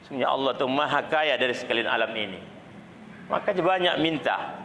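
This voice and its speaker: A middle-aged man preaching a sermon, telling stories with lively acted-out dialogue and frequent laughter. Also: medium pitch, fairly quick. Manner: lively storytelling, acts out dialogue, laughs often. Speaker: Islamic preacher. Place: large mosque hall. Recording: echoey mosque hall, faint noise.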